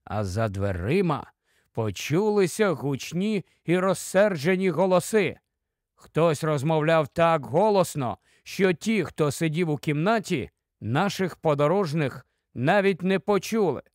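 A man narrating an audiobook in a steady storytelling manner. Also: a little high, a little slow, no room sound, clean studio sound. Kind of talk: scripted narration.

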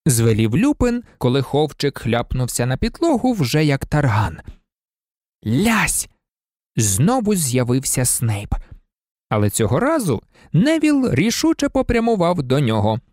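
Animated audiobook narration, dry close sound. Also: normal speed, no echo. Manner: animated, shifting pitch for drama. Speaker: audiobook reader. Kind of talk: expressive book narration.

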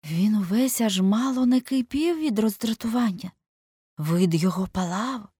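A woman reading a classic novel aloud in a measured, expressive narration, at times dropping to a hush. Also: mid-range voice, husky, no echo, studio quality. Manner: measured, expressive, slowing into hushed phrases. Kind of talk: literary audiobook narration.

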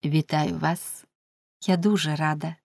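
A woman voicing a timid, gentle young noblewoman who speaks softly and hesitantly, as a character in an audiobook. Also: medium pitch, animated, a little slow, no echo, clean studio sound, lightly acted. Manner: shy, hesitant, soft-spoken.

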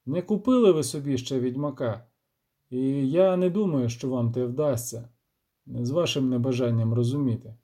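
Give me a man playing a cold, measured monster hunter with a dark, mellow voice. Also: medium pitch, natural voice.

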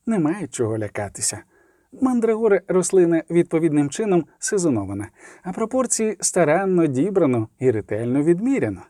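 A man voicing a calm, modest older male barber-alchemist in an audiobook, soft-spoken and precise. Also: a little high, dry recording, clean studio sound, pitched above the performer's own voice. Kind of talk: audiobook character reading.

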